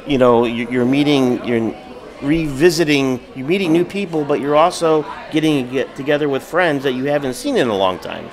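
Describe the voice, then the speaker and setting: A man's voice: mid-range voice, lively intonation, moderate pace. A man hosting a casual live interview, talking loosely and hesitantly, often repeating himself. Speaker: podcast host. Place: haunted hotel event.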